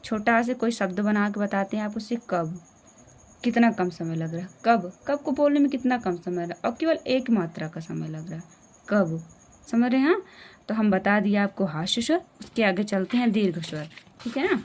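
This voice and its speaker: A woman's voice: mid-range voice, animated, moderate pace, a little mellow. Hindi woman teacher checking understanding. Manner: explains step by step, asks questions back, checks understanding again and again. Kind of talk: classroom lesson.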